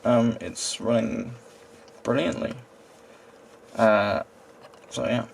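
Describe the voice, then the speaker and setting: A man's voice: medium pitch, steady tone, slow pace, creaky, slight background noise. A man chatting casually as he shows off his computer, hesitant and trailing off often. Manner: hesitant, lots of ums and trailing off. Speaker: tech vlogger. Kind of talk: casual chat while showing his computer.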